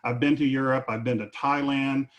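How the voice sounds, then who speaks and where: A man's voice: medium pitch, fairly even intonation, normal speed. Rambling man on a webinar panel. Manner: rambling, with many fillers and restarts.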